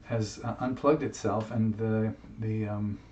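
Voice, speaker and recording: A musician speaking to camera in a personal tribute, reflective and heartfelt, pausing often with fillers, recorded on a webcam microphone. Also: male voice, on the low side, fairly even intonation, a little mellow, slight background noise. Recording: roomy, distant, dull webcam sound.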